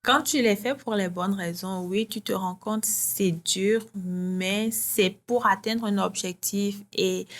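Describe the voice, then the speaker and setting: A woman in her thirties from Benin, a guest in a casual interview who speaks in a calm, measured, reflective way. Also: mid-range voice. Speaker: guest, entrepreneur.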